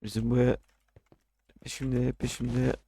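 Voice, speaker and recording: A man's voice: medium pitch, little pitch movement, unhurried, gravelly, warm tone, slight background noise. A young man casually commenting on his own gameplay, often frustrated, ranting and swearing at the game. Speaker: gaming streamer.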